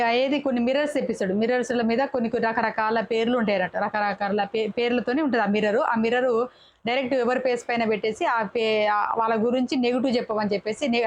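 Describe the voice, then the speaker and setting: A woman's voice: a little high, dry recording, dull audio. A woman reviewing a reality show episode in a casual, chatty way, often breaking off and correcting herself mid-word. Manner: chatty, quick restarts and self-corrections.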